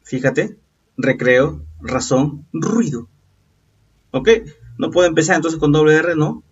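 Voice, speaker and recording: A man with a husky, mid-pitched voice teaches a recorded review lesson. He explains things patiently and keeps checking in with the class. The sound is dull and lo-fi, and his voice comes from some way off the mic. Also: slow pace. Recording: distant, dull lo-fi voice.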